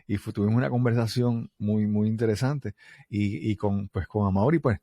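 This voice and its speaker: A man hosting an interview podcast, friendly and halting, often chuckling. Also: fairly low pitch, steady tone, dark tone, no echo. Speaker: podcast host. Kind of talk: casual interview chat.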